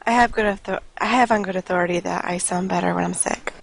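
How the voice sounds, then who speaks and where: A woman chatting on a casual gaming podcast, with lots of gravelly fry in her voice. Her delivery is wry and teasing. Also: lowish voice, steady tone, fast.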